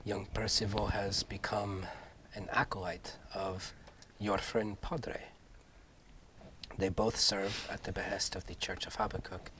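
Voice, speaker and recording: Grave, formal knight played by a male game master, low pitch, measured delivery, tabletop role-play with slight noise. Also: flat delivery, pushed and bright. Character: solemn, courteous male knight bidding allies farewell. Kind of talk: tabletop game character acting.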